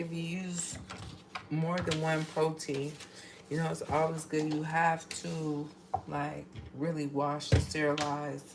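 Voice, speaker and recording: A woman's voice: sits low, creaky, heavy background noise. A woman hosting a casual cooking livestream from her home kitchen, chatting as she works, repeating herself and using lots of fillers. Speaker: home cook livestream host.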